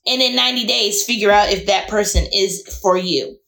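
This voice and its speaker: A woman co-hosting a casual chat podcast, giving firm opinions in drawn-out phrases. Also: mid-range voice, vocal fry, a bit bright. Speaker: podcast co-host.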